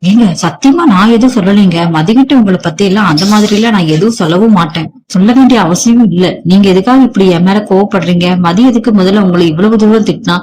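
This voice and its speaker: A storyteller reading the lines of a gentle middle-aged wife who talks softly, apologizing and pleading. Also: mid-range voice, quick pace, hardly any pauses, close to an everyday voice, rough recording.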